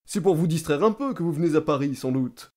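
A man's voice: on the high side, expressive, a little fast, darkish tone, pitched above the performer's own voice, lightly acted. A man voicing a pompous, talkative middle-aged state councillor who lectures and boasts eagerly. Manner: self-important, eager, lecturing.

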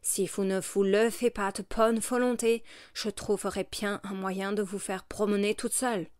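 A woman's voice: mid-range voice, flat delivery, normal speed, a little mellow, clean tone, no echo, studio quality, natural voice. A woman reading the part of a violent, brusque army commander who gives curt threats. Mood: curt threatening.

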